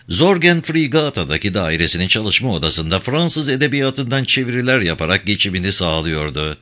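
A man reading a crime novel aloud as the narrator, in an expressive storytelling manner. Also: on the low side. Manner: expressive reading with voiced dialogue. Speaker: audiobook narrator. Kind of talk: scripted narration.

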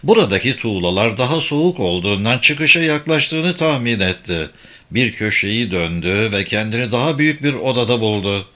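Bright-voiced man reading a thriller. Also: mid-range voice, lively intonation, moderate pace. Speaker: narrator. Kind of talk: audiobook narration of a thriller.

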